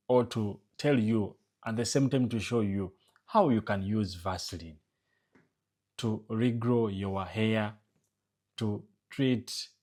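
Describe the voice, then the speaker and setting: A Ugandan man with a Ugandan English accent gives a casual home-remedy tutorial vlog in a fairly low, darkish voice. He speaks emphatically, his voice rising on key words, and repeatedly urges viewers to subscribe.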